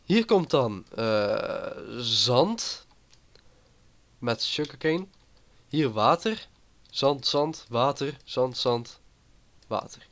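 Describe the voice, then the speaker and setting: A man's voice: medium pitch, lively intonation, drawn-out words, pauses often, fairly bright tone. Chatty man with a cold. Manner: rambling and chatty. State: has a cold. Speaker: gaming YouTuber. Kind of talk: casual gameplay commentary.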